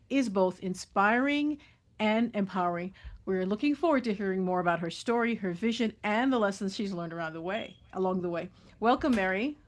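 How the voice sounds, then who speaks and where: Woman host with a polished interviewer delivery. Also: medium pitch. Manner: polished introductions, frequent backchannel murmurs. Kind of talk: interview hosting.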